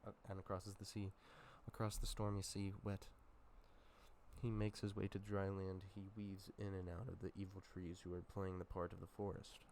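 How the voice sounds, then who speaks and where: Reading a film script aloud in a relaxed read-through, this man has a sore throat and slips in dry asides and minor stumbles. His voice sits low with a darkish tone, and there's slight background noise.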